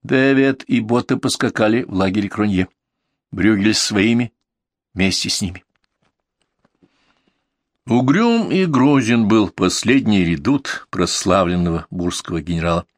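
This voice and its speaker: A man narrates a historical novel for an audiobook at a measured, steady pace. His voice sits on the low side, recorded close and dry with no room sound. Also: dry recording. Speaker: audiobook reader. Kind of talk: scripted narration of historical prose.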